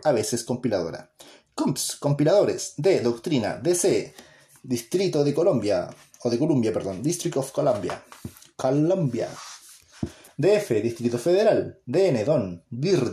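A man's voice: mid-range voice, mellow. A man reading an academic book aloud in an amateur way, plainly and unhurriedly, correcting himself mid-phrase. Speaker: reader. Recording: roomy echo.

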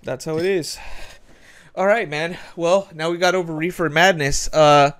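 Laid-back swearing podcast host, higher voice. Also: male voice, fairly even intonation, moderate pace, fairly bright tone. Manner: laid-back, swears a lot, says dude and bro. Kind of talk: casual chat.

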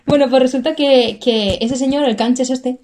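Young woman, chatty co-host, rambling storyteller, slightly high voice. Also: fairly even intonation, normal speed, darkish tone, a little hiss or hum. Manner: chatty, laughs often, rambling storyteller with self-corrections. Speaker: podcast co-host telling a story. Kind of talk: casual chat.

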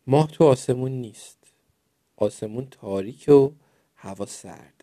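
A man narrates children's stories in a gentle, expressive reading voice. His tone is mellow and dark, recorded close in a dry room with no echo. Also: medium pitch. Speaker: storyteller.

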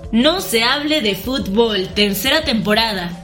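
A sing-song female voice assistant , voiced by a woman, announces over a podcast jingle. Her pitch leaps widely, and music plays clearly beneath her. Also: lively intonation, a little slow, a bit bright. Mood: announcing.

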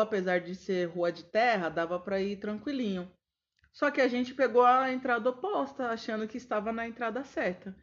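A woman co-hosting a podcast, telling stories casually and acting out the people in them. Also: medium pitch. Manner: animated, acts out shouted quotes. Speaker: podcast co-host. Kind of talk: casual storytelling chat. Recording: dull lo-fi sound.

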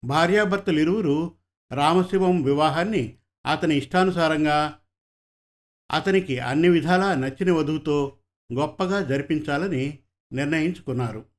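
A man narrating a story in a calm, measured way. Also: fairly high pitch. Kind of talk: scripted narration.

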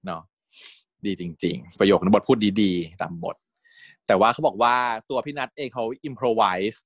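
A man co-hosting a podcast, chatting casually about a TV series, animated and laughing often. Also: fairly low pitch, unhurried, no room sound, clean studio sound. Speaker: podcast co-host. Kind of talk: casual chat reviewing a TV series.

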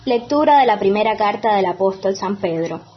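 A woman's voice: medium pitch, lively intonation, normal speed, highs cut off. A woman reading scripture as a lector at Mass in a formal, declamatory manner.

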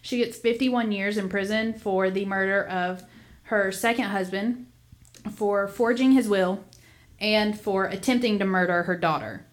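A woman's voice: medium pitch, fairly even intonation, unhurried. Wry young woman cracking jokes. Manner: joking, wry asides, laughs often. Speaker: podcast co-host. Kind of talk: casual true-crime chat.

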